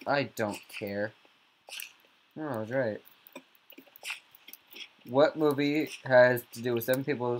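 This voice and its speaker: A man giving casual, jokey gameplay commentary as a YouTuber, with sudden squeaky outbursts. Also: slight background noise. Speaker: gaming YouTuber.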